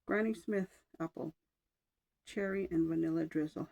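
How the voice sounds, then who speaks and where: A woman vlogger chatting casually at home, rambling a little with sighs and soft asides, slightly out of breath. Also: on the low side, moderate pace, vocal fry, low-quality recording. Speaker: wax melt vlogger. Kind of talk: casual chat. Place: home room with oil diffuser.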